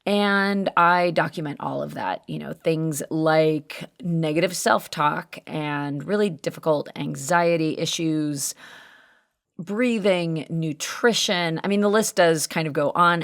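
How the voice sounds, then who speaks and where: A woman in her fifties hosting a solo podcast in a conversational, candid way, her voice very gravelly and hoarse from cheering. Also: deep voice, slow. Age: 50s. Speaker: podcast host.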